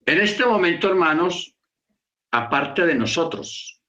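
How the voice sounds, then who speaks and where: A man teaching a congregation in a sermon, explaining slowly and repeating key words for emphasis. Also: fairly high pitch, lively intonation, sharp tone, reverberant, lo-fi sound. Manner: slow, repetitive, emphatic explaining.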